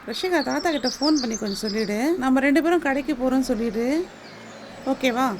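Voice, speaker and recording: A woman voicing a caring mother of two small girls, soothing and gently scolding in dubbed web-series dialogue. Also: high-pitched, brisk, noisy background, lightly acted. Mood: warm. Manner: soothing and gently scolding, repeats short words. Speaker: mother of two young daughters. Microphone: studio dubbing mic. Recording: studio dub under loud music. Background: background music score.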